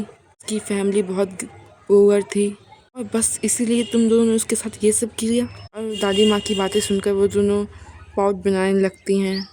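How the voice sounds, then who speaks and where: A woman's voice: mid-range voice, dark tone, slight background noise. A woman narrating a webcomic recap in a casual, matter-of-fact way.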